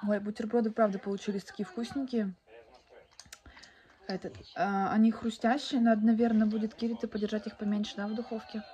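A young woman, a mother who vlogs, chats casually into her phone held at arm's length in a room at home. Her voice is mid-range with a darkish tone, and she rambles with lots of fillers and restarts.

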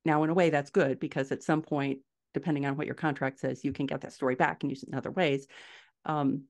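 Talking quickly in a steady, low-pitched voice, a middle-aged woman answers questions as a podcast guest. She is an indie fiction author calling in by video from a small furnished room at home, explaining conversationally and emphasizing her main points.

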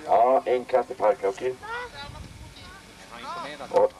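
A man giving live play-by-play commentary on a local football match outdoors, excitedly calling out player names. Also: mid-range voice, distant mic.

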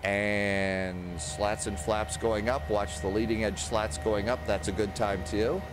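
A man in his sixties with a fairly low voice speaks slowly, giving casual flight simulator instructions and narrating each step to himself. Music plays in the background along with steady simulated cockpit and engine noise, and he's recorded on a close desk mic in an indoor home streaming setup.

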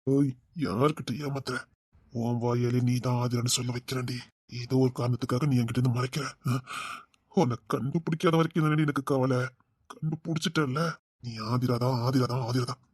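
Woman voicing a lovesick husband, husky and dry, for an audio drama; insistent, coaxing, possessive. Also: extremely low pitch, fairly even intonation, a little fast, darkish tone, dry recording. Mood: low, stubborn. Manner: pleading, insistent, swings between coaxing and threats. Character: possessive lovesick young husband, pleading and stubborn.

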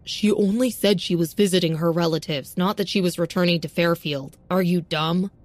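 A woman's voice: lowish voice, steady tone, moderate pace, darkish tone, no room sound, lightly acted. A woman reading a brash, mocking young man.

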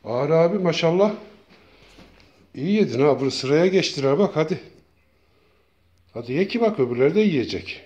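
A man talking casually to his cats, calling them over and over in a coaxing way and now and then gently scolding them. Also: fairly high pitch, lively intonation, normal speed, long pauses, muffled recording. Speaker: cat feeder. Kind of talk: casual talk to pets.

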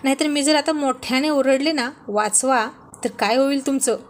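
A woman voicing a touchy, pouting young pregnant wife who takes offense quickly. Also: high-pitched, natural voice. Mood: amused.

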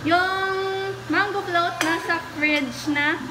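A woman's voice: very high voice, steady tone, drawn-out words, rough recording. A young woman vlogger chatting casually through a face mask, mixing English into her Filipino. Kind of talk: casual vlog chat. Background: loud music.

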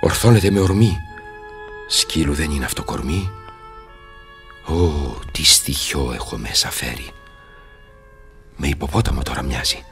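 A man's voice: a bass voice, expressive, vocal fry, pauses often, fairly bright tone, faint music behind, exaggerated voice. A man playing Faust, a learned, solemn old scholar, declaiming and musing aloud in verse in a Greek radio drama. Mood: alarmed.

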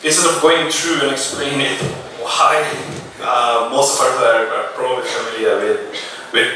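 A man in his thirties delivers a conference keynote in a casual, halting way, full of "uh" fillers. His voice has a bright, forward edge. It rings through a big echoey auditorium, caught from far back by the camera. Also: medium pitch, steady tone, a little hiss or hum. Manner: hesitant, many "uh" fillers, casual. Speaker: keynote speaker. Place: large auditorium stage, indoors. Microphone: handheld mic, filmed from far back. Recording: echoey hall, distant camera mic.

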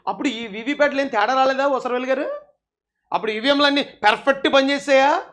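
A man's voice: extremely high pitch, bright, forceful tone. A man giving heated political commentary, mocking and scolding his opponents in a sarcastic, taunting way.

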